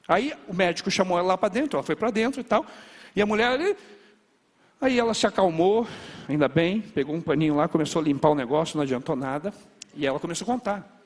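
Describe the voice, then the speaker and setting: A male pastor preaches in a large church, his fairly high voice ringing out in a long hall reverb. He tells stories in an animated way and punctuates them with sound words. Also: fast talker. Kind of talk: sermon.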